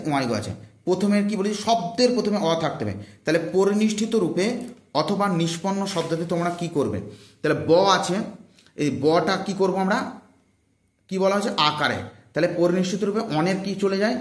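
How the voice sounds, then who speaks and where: A man's voice: a little high, echoey room. A male teacher giving an exam-prep grammar lesson, drilling his students with repeated questions and answers. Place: room, filmed with handheld phone. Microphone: handheld phone.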